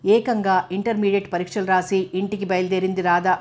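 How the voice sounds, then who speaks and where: A woman's voice: mid-range voice, level tone, a little fast, darkish tone. Woman narrating an audiobook evenly.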